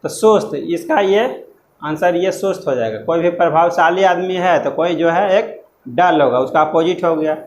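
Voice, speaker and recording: A man teaching an exam-prep lesson, explaining words slowly and spelling them out letter by letter, with loose, repetitive phrasing. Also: a little high, roomy sound, poor audio.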